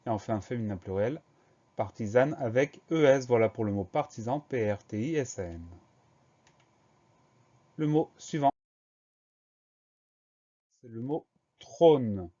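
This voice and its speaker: A man gives a spelling lesson for young pupils, breaking each word into syllables and spelling it letter by letter. His voice sits in a middle pitch with a mellow, relaxed tone. The recording sounds a little muffled and lo-fi. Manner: slow, careful letter-by-letter dictation. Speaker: teacher.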